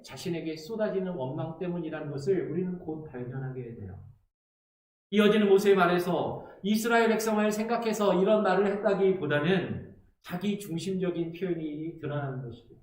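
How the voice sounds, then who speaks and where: A male pastor preaching a sermon, asking rhetorical questions and acting out quotations. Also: high voice. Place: church sanctuary. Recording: very echoey church sanctuary.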